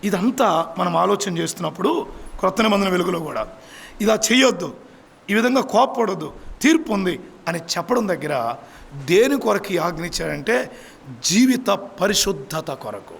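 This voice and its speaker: Pastor, man; high, lively delivery with a gravelly, husky edge; drills the congregation with questions. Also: normal speed, slight background noise. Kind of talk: sermon. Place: church.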